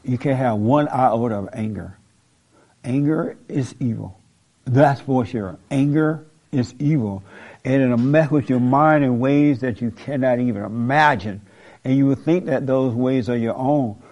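On a call-in talk show, the male host preaches emphatically, repeating key lines and tossing in the occasional joke and laugh. His voice is medium-pitched, unhurried, and a little mellow, heard through dull lo-fi audio.

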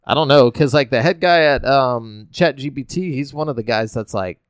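A man's voice: medium pitch, normal speed, clear, resonant tone, no room sound, studio quality. A man co-hosting a gaming podcast, rambling and joking with swearing in casual chat. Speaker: podcast co-host.

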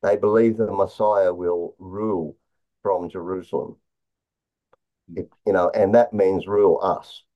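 Low-voiced man in halting conspiracy talk, dull audio. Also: fairly even intonation. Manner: halting, repeats words and restarts phrases. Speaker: interview guest, author. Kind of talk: conspiracy talk, explaining slides. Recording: dull, lo-fi sound.

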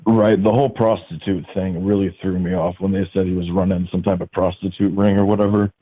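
Deep-voiced man calling in, band-limited sound. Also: level tone, fairly quick, phone-quality sound, slight background noise. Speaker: caller to a talk show. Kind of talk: casual chat. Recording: band-limited radio call-in line.

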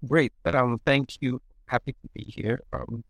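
Male guest, gravelly mid-pitched voice, thoughtful, restarts his sentences often. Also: a bit bright, dry recording, poor audio. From Nigeria. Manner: halting, thoughtful, with many restarts. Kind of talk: casual interview.

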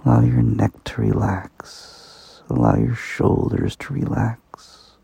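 Slow husky-voiced man guiding sleep. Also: mid-range voice, little pitch movement, no room sound. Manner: slow, soft-spoken, partly whispered. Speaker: meditation guide. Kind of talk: guided sleep meditation.

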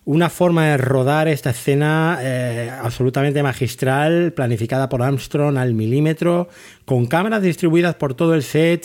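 A man's voice: mid-range voice, a little mellow. A man hosting a podcast, reviewing TV series with thoughtful enthusiasm. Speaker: podcast host.

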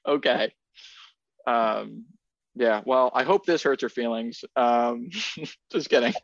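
Young male podcast co-host, halting and filler-heavy, dull dry recording. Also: mid-range voice, creaky, no room sound. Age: young adult. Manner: halting, many fillers and restarts, laughs often. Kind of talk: casual podcast chat.

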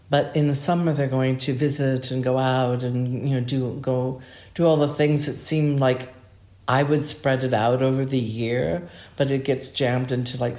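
An older woman, a podcast co-host, musing in a relaxed, rambling way with restarts. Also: rumbling low. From United States. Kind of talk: relaxed conversation. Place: home by a fireplace. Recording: roomy echo.

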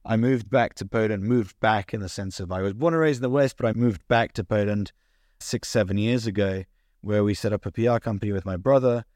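A man's voice: on the low side, fairly quick, darkish tone, no room sound, studio quality. A man, a podcast guest speaking earnestly and fluently, often restarting his words. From United Kingdom. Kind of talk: podcast interview.

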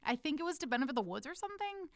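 A woman's voice: high voice, sing-song, very fast, no room sound, studio quality. A woman from the United States reading her personal letter aloud, intimate and playful, calling the listener her love. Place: lives in Amsterdam.

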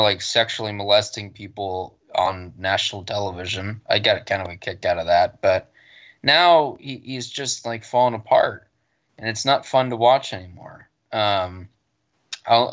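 A man's voice: on the low side, normal speed, fairly bright tone, muffled recording. A man co-hosting a casual political podcast, speaking bluntly with frequent restarts and fillers. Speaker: podcast co-host.

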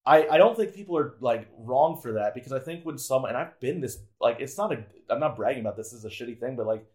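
A man in relaxed podcast conversation, rambling and self-interrupting with lots of filler words, candid and sometimes swearing. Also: mid-range voice, quick pace. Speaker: podcast guest. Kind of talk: casual conversation.

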